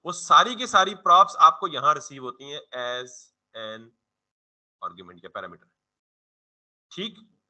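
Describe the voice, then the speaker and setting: A man's voice: fairly high pitch, very animated, slow pace, long pauses, bright, forceful tone. A man giving a programming tutorial in a casual classroom manner, often quizzing the listener with questions and then answering them himself. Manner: informal, conversational classroom explaining. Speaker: programming instructor. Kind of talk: coding tutorial lecture.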